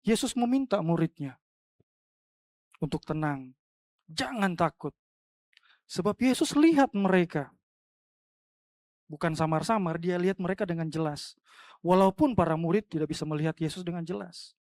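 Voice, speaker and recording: A woman pastor preaching a sermon in church, swinging between loud emphatic cries and soft, hushed lines. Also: lowish voice, animated, moderate pace, long pauses, dry recording, studio quality.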